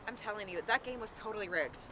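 A woman's voice: mid-range voice, quick pace, background noise, natural voice. A woman playing a suspicious, gossipy carnival-goer in a comedy sketch. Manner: conspiratorial, gossipy.

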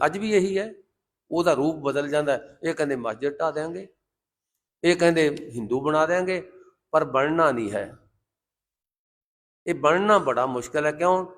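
A man preaching a Sikh sermon with passion, slowing down to intone lines of scripture. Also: a little high, fairly bright tone. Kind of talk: Gurbani sermon with sung scripture quotes.

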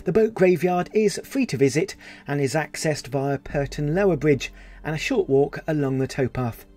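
A man reading scripted narration in a measured, informative way. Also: fairly high pitch, animated, darkish tone, faint music behind.

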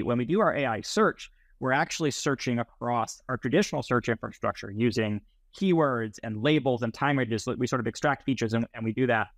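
Joining a video call as an interview guest from a small, plain room indoors, a middle-aged software founder walks through technical matters. He speaks at a medium pitch through earbuds, with no echo.

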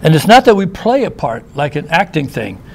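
Give me a slightly high-voiced male preacher. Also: sing-song, moderate pace, vocal fry, darkish tone, a little hiss or hum. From United States. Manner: conversational preaching with asides and restarts. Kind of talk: sermon. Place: church.

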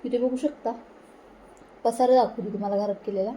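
A woman's voice: fairly high pitch, fairly even intonation, a little fast, dark tone, a little hiss or hum, poor audio. A young woman chatting casually at home in a homely daily vlog, talking straight to her viewers. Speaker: vlogger. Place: home, indoors. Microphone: phone held at hand.

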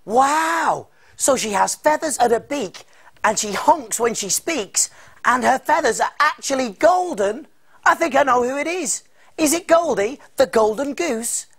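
Big friendly cook, thirties, very animated pitch, sing-song kids' TV presenting. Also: male voice, measured pace, slightly rough, exaggerated voice. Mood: excited. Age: 30s. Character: friendly, enthusiastic big male cook in a children's show. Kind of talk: children's TV presenting. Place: TV studio kitchen set.

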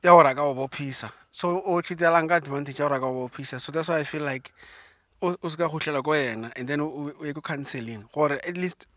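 A man's voice: fairly high pitch, fast, sharp tone, dry recording. A young man with a South African accent hosting a conversational interview in a car, giving advice and mixing English phrases into local speech. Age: young adult. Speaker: host and interviewer. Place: inside a parked car. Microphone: handheld microphone and lapel mic.

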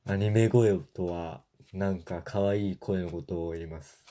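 A man's voice: low voice, fairly even intonation, measured pace, mellow. A young man presenting a tutorial to camera in a polite, formal way. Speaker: YouTuber presenter. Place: small room at home, indoors.

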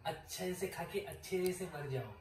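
A man's voice: on the high side, measured pace, a crowd in the background. A man chatting playfully and casually on camera in a home vlog. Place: home, indoors.

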